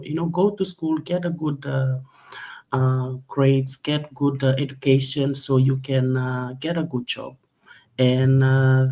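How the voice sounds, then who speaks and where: Interview guest: woman from Fiji, hesitant delivery, flat even pitch. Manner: hesitant, many fillers. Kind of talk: online interview.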